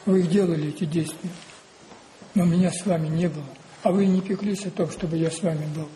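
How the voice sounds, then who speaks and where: A man preaching a sermon, deliberate and repetitive, posing rhetorical questions and answering them himself. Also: fairly high pitch, fairly even intonation, mellow, a little hiss or hum, poor audio.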